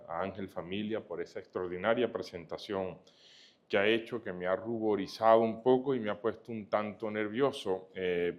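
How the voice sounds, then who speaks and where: A man from Venezuela giving a formal lecture as guest speaker, courteous and often pausing on "eh". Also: lowish voice. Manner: courteous, with frequent "eh" hesitations. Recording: dull lo-fi sound.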